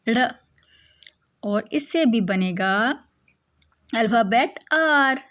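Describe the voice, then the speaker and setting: A woman's voice: fairly high pitch, slow. A woman with an Urdu-speaking Pakistani accent teaching children the alphabet, repeating each letter's sound and asking and then answering her own questions.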